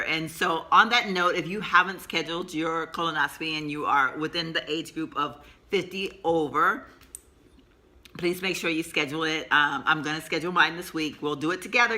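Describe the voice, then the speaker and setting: A bright-voiced woman vlogger from Texas, USA, chats casually from home, her low voice fairly quick as she rambles and laughs often. She is coming down with a cold and has a sore throat.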